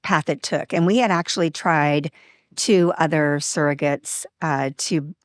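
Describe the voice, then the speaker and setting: A woman's voice: sits low, a little slow, dry recording, clean studio sound. A woman guest on a podcast telling a personal story in a casual, open way, acting out what people said. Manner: open, animated, acts out quoted dialogue.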